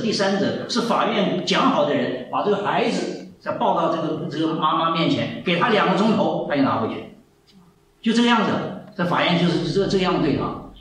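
Man, 70s, church preacher, animated storyteller who repeats himself, voice swinging high and low, faint room ambience. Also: a little hiss or hum. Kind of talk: sermon. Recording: echoey hall, mic far off, faint ambience.

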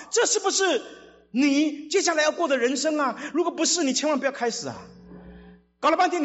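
A man's voice: high-pitched, a bit bright. A male pastor voicing Jesus as an urgent teacher warning would-be followers, in a raised, pleading tone. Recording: reverberant hall, dull lo-fi sound, faint music.

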